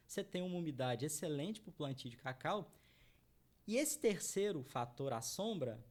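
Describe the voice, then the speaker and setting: A middle-aged man from Minas Gerais, a chocolate brand founder, explaining his business in an interview with earnest repeated checks of "right?". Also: fairly high pitch. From Minas Gerais, Brazil. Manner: earnest, repeats "né?" often, addresses audience.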